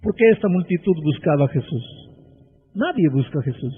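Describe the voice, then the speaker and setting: A man, a pastor, preaching a sermon with fervent, slow and stressed phrases. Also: fairly high pitch, very animated, husky, soft background music. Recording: tinny phone-like sound with faint background noise.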